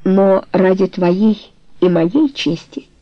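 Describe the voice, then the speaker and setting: A woman's voice: medium pitch, slow pace, no room sound, highs cut off, close to an everyday voice. A woman voicing a remorseful, passionate older man in a storybook reading, speaking earnestly and tenderly.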